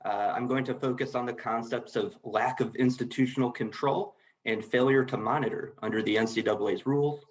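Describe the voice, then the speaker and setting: A man's voice: mid-range voice, fairly even intonation, brisk, hardly any pauses, rough recording. A man presenting a corporate training webinar, explaining slides in a formal, methodical manner.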